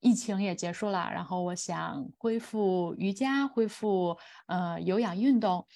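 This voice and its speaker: A woman in her thirties talking reflectively as a podcast co-host, measured and thoughtful, with hesitant pauses. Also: mid-range voice, creaky, dark tone. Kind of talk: reflective personal talk in a podcast.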